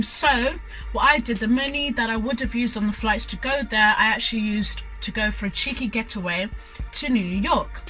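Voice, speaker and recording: A woman's voice: a little high, pushed and bright, rough recording. A young woman from Zimbabwe, telling stories in an enthusiastic, gushing vlog chat full of fillers. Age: young adult. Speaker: student vlogger. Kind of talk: casual vlog storytelling.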